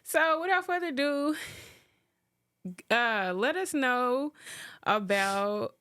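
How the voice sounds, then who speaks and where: A middle-aged woman hosting a casual podcast interview with her daughter, animated and teasing. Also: sits high, slow pace, smooth, no echo, clean studio sound. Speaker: podcast host.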